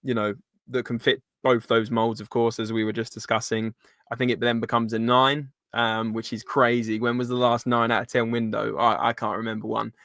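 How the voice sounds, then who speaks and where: A man's voice: mid-range voice, flat delivery, normal speed, a bit bright, no echo, clean studio sound. A man hosting a casual live football chat in informal, matey slang. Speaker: live stream host.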